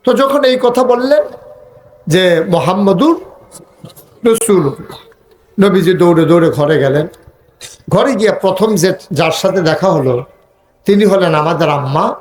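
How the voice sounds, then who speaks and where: A man preaching a sermon to a crowd, rousing them with call-and-response and chanted, drawn-out passages. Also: fairly high pitch, reverberant, slight background noise. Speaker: Islamic preacher.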